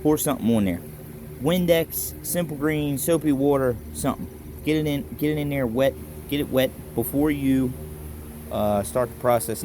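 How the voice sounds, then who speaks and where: Low-pitched-enough Baltimore man over noticeable background noise. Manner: plain-spoken, folksy, halting phrases. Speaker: instructor in a do-it-yourself tutorial. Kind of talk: casual hands-on how-to explanation. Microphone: handheld camera held while demonstrating.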